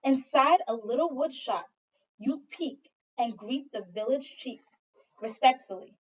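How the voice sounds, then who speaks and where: In a read-aloud lesson, a second grade teacher with a high, slightly breathy voice reads a story expressively at a measured pace. She addresses the young children directly using questions and repetition, and the recording is lo-fi.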